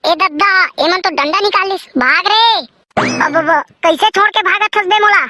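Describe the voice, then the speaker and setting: Cartoon comedy, Chhattisgarhi accent, squabbling village characters voiced by one performer, extremely high pitch, noisy audio. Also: moderate pace. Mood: bickering. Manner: squabbling, slangy, teasing. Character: squeaky bickering village cartoon folk. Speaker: voice of cartoon census takers and villagers. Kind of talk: comic cartoon dialogue.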